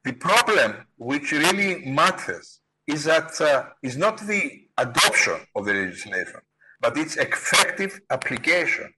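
A man's voice: on the high side, sing-song, a little slow, bright, forceful tone, husky, poor audio. A man from Cyprus with a Cypriot accent, delivering a formal prepared speech as a parliamentarian.

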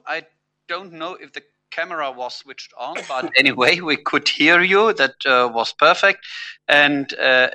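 A man with a German accent, a native German speaker, chairing a virtual meeting informally and haltingly. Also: a little high, pushed and bright. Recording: clearly noisy meeting microphone.

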